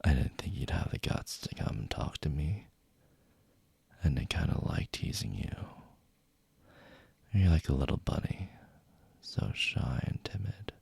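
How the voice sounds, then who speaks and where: Casting: male actor as flirty bully leading man for whispered ASMR role-play; heavy vocal fry, husky, close dry sound, intimate taunting delivery. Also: rumbling low, big pitch swings, unhurried, long pauses, darkish tone, no room sound, heavily acted. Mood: seductive, commanding. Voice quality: husky, gravelly.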